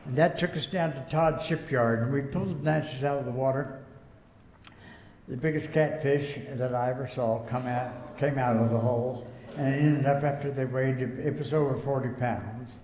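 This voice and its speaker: A man's voice: medium pitch, steady tone, moderate pace, a little mellow. An older American man telling a rambling, folksy story as a guest speaker, chuckling now and then. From United States. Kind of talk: anecdotal storytelling speech. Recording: echoey hall, faint background noise.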